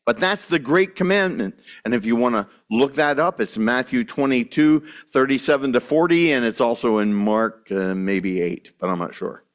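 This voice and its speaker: A man's voice: mid-range voice, moderate pace, few pauses. A man preaching a sermon to his congregation, earnest and emphatic, with restarts and asides. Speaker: pastor.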